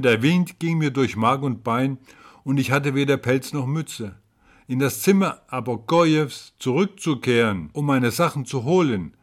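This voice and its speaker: Brief: male storyteller, mid-pitched, theatrical reading of a ghost tale. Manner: dramatic, rising to cries at tense moments. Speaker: narrator.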